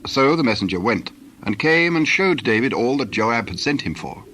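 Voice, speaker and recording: A man's voice: medium pitch, very animated, moderate pace, bright, forceful tone, a little hiss or hum. Male scripture narrator with faint ambience behind.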